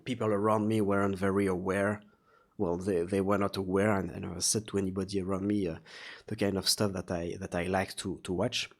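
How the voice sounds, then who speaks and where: Low-voiced, halting man with a slightly sore throat. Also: level tone. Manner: halting, searching for words. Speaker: vlogger, artist. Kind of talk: casual confessional vlog monologue.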